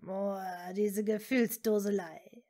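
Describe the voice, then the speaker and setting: Woman reading as a hissing dark wizard man, cold, scornful, very slow, even pitch. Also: close to an everyday voice.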